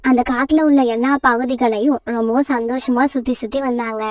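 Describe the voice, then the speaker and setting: Brief: woman storybook narrator, high and steady, dry and slightly distant recording. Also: brisk, no echo.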